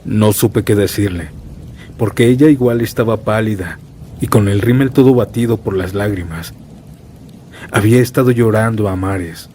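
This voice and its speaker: A man with a voice on the low side narrates scripted first-person horror stories at a moderate pace, solemn and dramatic in the manner of a storyteller. A steady bed of rain and thunder from a rainstorm runs throughout.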